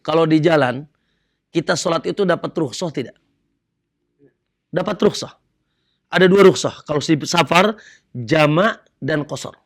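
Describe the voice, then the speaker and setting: A middle-aged man giving a religious lecture, animated, quizzing his audience and acting out little dialogues. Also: fairly high pitch. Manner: animated, asks the audience questions and acts out dialogues. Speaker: Islamic preacher.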